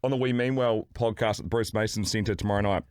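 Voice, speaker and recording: A man's voice: on the low side, steady tone, fast, clear, resonant tone, no echo, studio quality. A man with a broad New Zealand accent talking casually as a podcast co-host in a blokey, sweary way. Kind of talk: casual talk.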